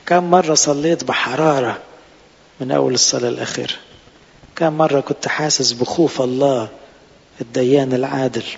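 A man's voice: mid-range voice, vocal fry, slightly rough. A man preaching a sermon with an Egyptian Arabic accent, earnest, pressing his listeners with rhetorical questions. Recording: reverberant hall, dull lo-fi sound.

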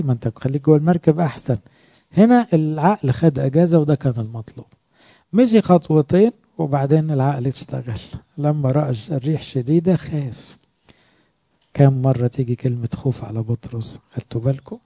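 A man with an Egyptian Arabic accent preaching a sermon in a lively, conversational way, often asking his listeners questions. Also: mid-range voice, a little fast, no room sound.

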